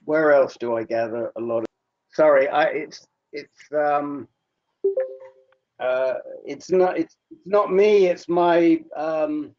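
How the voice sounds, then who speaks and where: A man's voice: a little high, takes it slowly, darkish tone. A man with a slightly raised voice leads a group video call and chats about resources. His internet audio is choppy and keeps breaking up. The sound is muffled and lo-fi throughout. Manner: chatty, sharing resources. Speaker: support group call moderator. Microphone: computer on video call.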